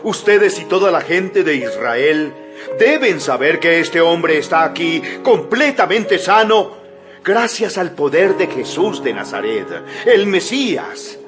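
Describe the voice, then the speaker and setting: An actor playing the bold apostle Peter in a dramatized audio Bible, declaiming fervently and emphatically. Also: male voice, on the high side, very animated, slow pace. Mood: bold, accusing. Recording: music bed behind the voice.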